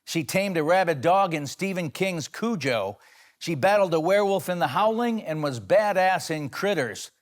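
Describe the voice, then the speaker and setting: A man's voice: sits high, expressive, normal speed. A man hosting an awards show, giving comedic scripted links in a playful, jokey way.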